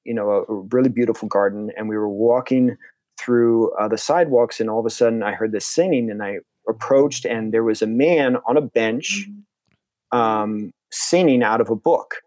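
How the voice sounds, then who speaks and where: Speaking at a normal speed in a mid-range, darkish voice, a young filmmaker guest from Connecticut, USA, is interviewed in a casual way. He's enthusiastic and rambling, often restarting, and the sound carries no echo.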